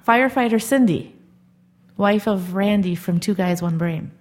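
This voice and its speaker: A chatty woman co-hosting a podcast, talking in a rambling, upbeat way. Her voice sits at an ordinary middle pitch for a woman. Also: a little slow, darkish tone. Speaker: podcast co-host. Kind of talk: casual chat.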